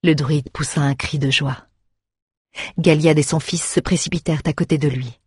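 Husky low-voiced lady reading a fantasy book, steady pace. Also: dry recording, studio quality. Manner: steady, measured storytelling. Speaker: audiobook reader. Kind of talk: scripted fantasy narration.

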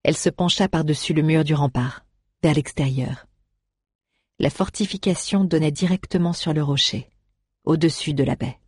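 Low, husky woman storyteller. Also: normal speed, dry recording, clean studio sound. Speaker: audiobook narrator. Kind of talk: scripted storybook narration.

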